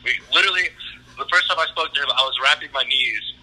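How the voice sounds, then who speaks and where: A man's voice: medium pitch, quick pace, pushed and bright. A man with an Alabama Southern accent chatting casually and jokingly as a guest on a phone call. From Alabama, United States. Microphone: telephone. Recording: noisy, tinny phone call.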